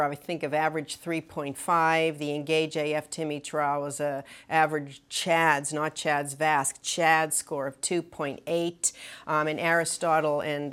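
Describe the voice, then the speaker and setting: A woman clinician speaking on a medical panel, explaining treatment guidelines earnestly with frequent fillers and restarts. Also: deep voice.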